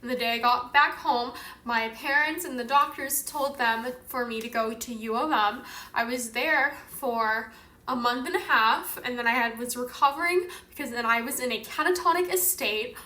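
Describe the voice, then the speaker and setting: Bright-voiced chatty young woman vlogger. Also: sits high, moderate pace, roomy sound. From Northern California. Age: young adult. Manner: chatty, outgoing, earnest. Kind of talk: casual talk to camera.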